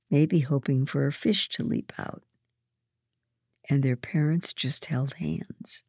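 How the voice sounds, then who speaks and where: A woman reading a first-person story aloud in a gentle, measured way. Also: a bass voice, creaky, dry recording, clean studio sound. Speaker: narrator.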